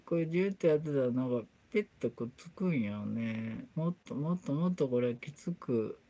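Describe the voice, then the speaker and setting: Working through a repair on her livestream, this woman from Kansai, Japan, chats casually and mutters to herself along the way. She has a Kansai accent and uses Kyoto dialect, and her rumbling low, mellow voice moves briskly with lively intonation.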